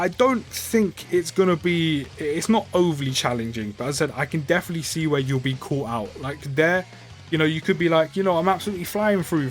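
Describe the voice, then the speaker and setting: A man giving casual, rambling commentary while playing a mobile game, full of fillers and restarts. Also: on the high side. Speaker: gaming YouTuber.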